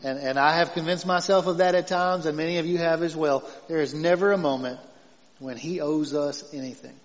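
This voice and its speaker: A male pastor preaching a conversational sermon, moving from emphatic points to soft, tender passages. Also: fairly high pitch, steady tone, a little fast. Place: church sanctuary. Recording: dull sound in a reverberant hall.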